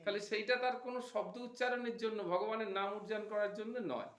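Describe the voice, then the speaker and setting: A man's voice: high-pitched, fairly even intonation, fairly quick, roomy sound, crowd noise. A man giving a devotional discourse, asking his listeners questions and answering them himself. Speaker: Bhagavata reciter.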